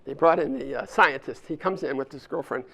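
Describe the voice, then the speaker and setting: A man's voice: a little high, fairly quick, gravelly, a bit bright. An older man giving a chatty leadership talk to a live audience, walking them through a hands-on exercise. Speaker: speaker at an alumni volunteer summit. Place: university event space with a live audience.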